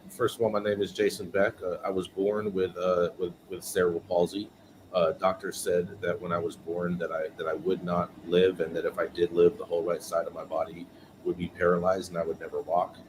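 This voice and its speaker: A man in his forties from California tells his story as a podcast guest, speaking earnestly with frequent fillers. His voice is very low, and a clear noise runs under the remote recording. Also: flat delivery, normal speed. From California, USA. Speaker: podcast guest, business owner. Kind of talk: casual interview chat.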